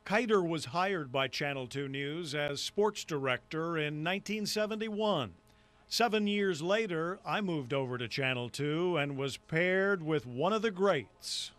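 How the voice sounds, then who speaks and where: A man's voice: on the high side, a little slow, a bit bright. A man, a longtime sports anchor, narrating a television news tribute in a reminiscing storytelling way.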